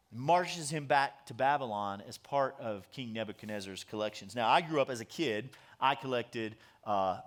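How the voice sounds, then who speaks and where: A man's voice: mid-range voice, a bit bright. A man preaching a sermon as pastor, conversational and joking, drawing in his audience.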